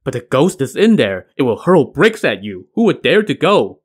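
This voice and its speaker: A man voicing a frightened old male squire in an audio story, anxious and pleading, pitched higher than his own voice. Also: sing-song, normal speed, breathy edge.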